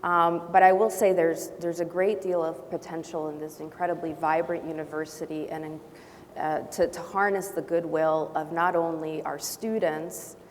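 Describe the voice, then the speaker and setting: A low-pitched woman from Brazil and Honduras, a non-native English speaker and faculty member, talks on a panel in a large auditorium, pausing thoughtfully and restarting her sentences. Long hall reverb and faint noise fill the recording.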